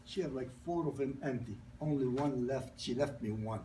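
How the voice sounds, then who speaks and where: Poor audio captures this man from afar with slight background noise; his medium-pitched voice is dark-toned and moderately paced. In his sixties, he grew up in New York but has a non-native accent, and as a product presenter he gives an informal sales talk with broken grammar, restarts, repetition and storytelling.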